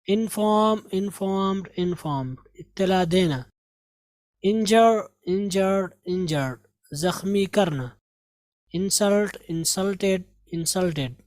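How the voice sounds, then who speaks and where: A woman at a middle pitch teaching vocabulary in a patient, drilling way. She says each word twice, slowly and clearly, before glossing it. The sound is dry and close, with no room echo. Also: a little mellow. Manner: repeats each word slowly to model pronunciation. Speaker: English teacher. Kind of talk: spoken language lesson.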